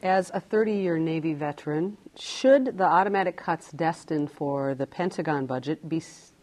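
A woman's voice: deep voice, moderate pace, a little mellow. A woman journalist putting a formal, prepared question to candidates in a debate.

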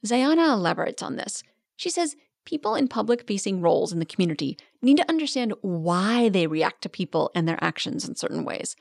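A woman reporter reading a scripted radio narration in a measured, even delivery. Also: medium pitch, gravelly, no echo, clean studio sound.

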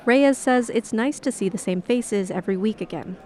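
A woman reporter reading a scripted radio news feature in a narrator's measured storytelling style. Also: fairly high pitch, mellow.

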